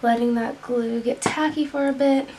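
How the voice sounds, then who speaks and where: A woman's voice: on the high side, steady tone, normal speed, background noise. A young woman talking casually through a makeup tutorial at home, chatting while she works and sometimes dropping to a whisper. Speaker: beauty vlogger.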